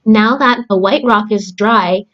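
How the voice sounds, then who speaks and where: A young adult woman speaking to children in simple, deliberate phrases, as a storyteller and craft host. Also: mid-range voice, a bit bright, lo-fi sound. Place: small room at home, indoors.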